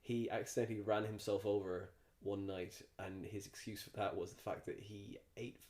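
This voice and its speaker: A man's voice: lowish voice, level tone, moderate pace, a little mellow. A man from the countryside, a comedian guest, telling stories in a loose, rambling way with lots of restarts. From Ireland. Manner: rambling, storytelling with many restarts. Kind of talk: casual podcast chat.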